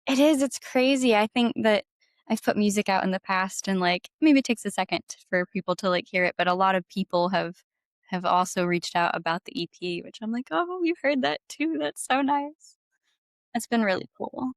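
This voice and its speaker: Here a woman appears as a podcast guest, a singer-songwriter whose casual chat comes across as enthusiastic and informal. She speaks at a normal speed in a mid-range voice, with no room sound on the recording.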